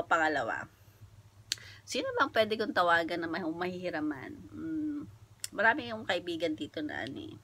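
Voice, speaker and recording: A woman's voice: on the low side, bright, forceful tone. A woman from the Philippines vlogging at home, chatting casually with viewers and giggling often between lines. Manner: chatty, addresses viewers directly. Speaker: vlogger making prank calls. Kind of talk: casual chat. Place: home flat.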